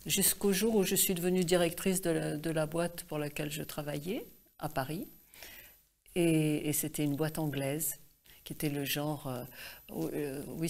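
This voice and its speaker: An older woman from Tunisia, a talk-show guest, tells her life story in a deep, gravelly voice. She talks in a lively way and laughs at her own anecdotes. The tone is relaxed and chatty. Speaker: guest singer-songwriter. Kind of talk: casual chat.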